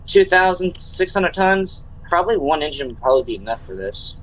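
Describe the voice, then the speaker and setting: A man's voice: a little high, very animated, brisk, fairly bright tone, slight background noise, low-quality recording. A man with a Southern US accent talking casually while he plays a train game, thinking aloud as he works through each step. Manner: thinking aloud, narrating his own moves. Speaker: streamer running a freight train. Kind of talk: casual gameplay chat.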